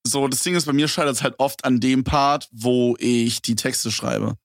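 A man's voice: medium pitch, fairly even intonation, a little slow, gravelly, dry recording, studio quality. A young man chatting casually on a podcast, rambling in slang with many fillers. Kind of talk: casual chat. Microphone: wireless gaming headset.

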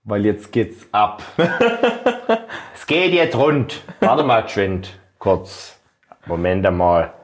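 A young man from southwestern Germany co-hosting a podcast, joking around in casual slang and often dropping into a low mumble. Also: expressive, slow pace. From Baden-Württemberg, Germany. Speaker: podcast co-host. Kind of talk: casual chat.

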